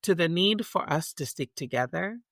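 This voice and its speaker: A woman's voice: lowish voice, animated, normal speed, dry recording, clean studio sound. A middle-aged woman from Tonga, a guest in a casual interview, talking reflectively with many restarts and fillers.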